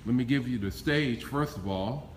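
A man's voice: mid-range voice, normal speed, a little hiss or hum. A middle-aged man giving a casual, upbeat walkthrough of a church construction site, talking with many fillers while filming on a phone. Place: indoor and outdoor building site. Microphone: phone camera held while walking.

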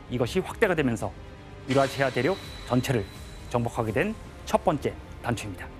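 A man lecturing on history in a TV studio, measured and explanatory, often pausing with little "yes" fillers. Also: mid-range voice.

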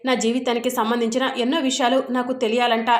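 A woman reading the lines of a young woman bent on revenge in her own high narrating voice, in an echoey room. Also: level tone, fast, lightly acted.

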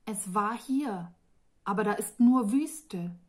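A proud female dragon who stays calm and a little dismissive, voiced by a woman reading a fantasy novel aloud, in a mid-pitched, unhurried delivery. Her cool, drawling tone stays matter-of-fact. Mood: uneasy.

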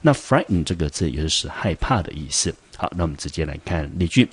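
A man's voice: very deep voice, expressive, a little fast, husky, no room sound. A man with a Taiwanese Mandarin accent teaching English vocabulary, explaining patiently with many fillers and "right?" checks. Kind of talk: vocabulary lesson.

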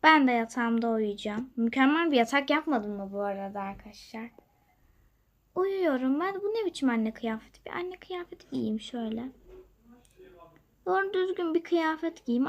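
A young woman hosting a gaming channel, chatting to her viewers as she plays, moving from hushed whispers to loud, excited calls. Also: sits high, moderate pace. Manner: lively, talks to viewers, jumps between loud excitement and quiet whispers. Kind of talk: chatty gameplay commentary.

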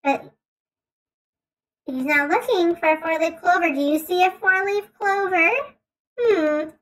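A woman teacher reading a picture book aloud to children, gently stopping to ask questions and explain words. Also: very high-pitched, a little slow, poor audio. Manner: gentle, asks the listener questions and explains as she reads.

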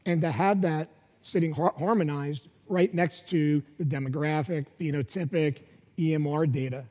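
Man on a conference panel, halting, many fillers. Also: on the high side, fairly even intonation, dark tone. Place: large conference hall stage. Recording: long hall reverb.

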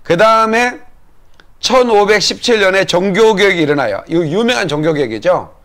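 High-voiced male pastor teaching. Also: animated, a bit bright. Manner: asks the congregation questions and calls for amens; explains slowly step by step. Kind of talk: sermon-style Bible lesson.

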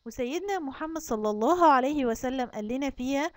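A woman with an Egyptian accent teaching young children, drawing out her recitation slowly and explaining quickly between verses. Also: high-pitched, expressive, dry recording. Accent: Egyptian Arabic. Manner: slow, drawn-out recitation with fast explanations between. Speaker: kindergarten Quran teacher. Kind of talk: recorded online lesson for young children.

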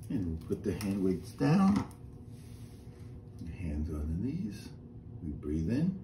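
Slow, calm male fitness instructor. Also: deep voice. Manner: calm, step-by-step cues with breathing counts. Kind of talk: guided chair exercise class. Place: small indoor room with a painted wall. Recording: roomy echo, faint room noise.

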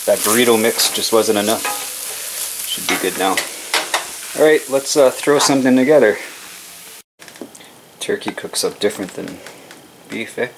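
A man's voice: lowish voice, normal speed, pauses often, background noise. A man in his thirties casually vlogging at home, chatty and a bit grumbly. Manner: laid-back, chatty, mildly grumbling. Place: home kitchen and living room. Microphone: camera mic.

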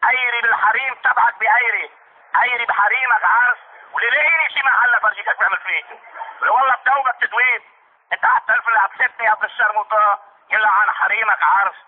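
Over a tinny phone line, a man with a Lebanese accent plays a hot-tempered, foul-mouthed character in a prank call. He talks fast in a high-pitched voice, raging, insisting, repeating himself and throwing insults.

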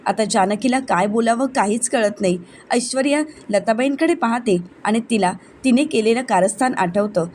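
A woman with a somewhat high voice narrates a recap of a family serial. She lifts the quoted lines of the characters, and a faint hiss sits under the recording. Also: normal speed, darkish tone.

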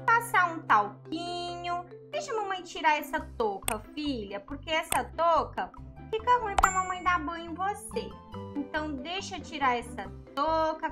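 A woman voicing a young mother in a storybook role-play, cooing sing-song baby talk at her infant. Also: sits high. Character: young mother, proud then tender, doting.

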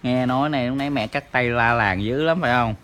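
A man's voice: mid-range voice, fast, a bit bright, slight background noise. A father, chatting playfully to his baby at home and teasing with many short questions.

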